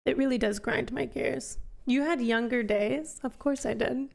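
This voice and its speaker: A woman's voice: sits high, measured pace, vocal fry, a little mellow. A woman hosting a book club live stream, chatting casually and rambling as she answers questions from chat. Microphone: headphones on, desk mic.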